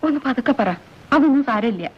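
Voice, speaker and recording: A gently teasing housewife. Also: female voice, high-pitched, expressive, a little fast, slight background noise. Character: caring housewife and older sister. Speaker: film actress. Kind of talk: comedic film acting. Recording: muffled film soundtrack with music.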